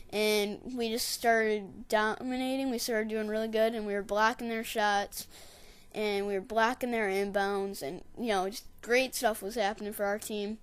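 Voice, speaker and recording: A woman casually narrating her gameplay in a rambling, digressive way, and getting excitable when she tells a story. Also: mid-range voice, smooth. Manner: excitable, shouts catchphrases when retelling. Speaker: gameplay commentator.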